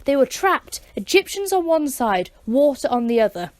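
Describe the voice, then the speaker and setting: A woman narrating a children's Bible story with dramatic, expressive delivery. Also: high voice, moderate pace, dry recording.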